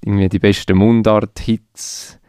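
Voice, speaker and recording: A man hosting a podcast in a relaxed, chatty way. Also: on the low side, measured pace, smooth, no echo, studio quality. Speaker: podcast host. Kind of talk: casual interview.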